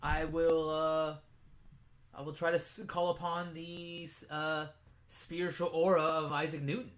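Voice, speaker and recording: A man co-hosting a casual podcast, goofy and jokey, swinging from mumbles to loud outbursts. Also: fairly high pitch, little pitch movement, measured pace. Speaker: podcast co-host. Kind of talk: casual chat.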